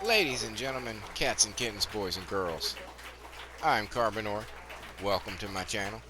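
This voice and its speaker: A man's voice: on the low side, normal speed, noisy background. A man in his fifties hosting his gaming channel, rambling profanely in casual commentary, his voice a bit muffled by a cigarette. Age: 50s. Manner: rambling, profane, chatty asides.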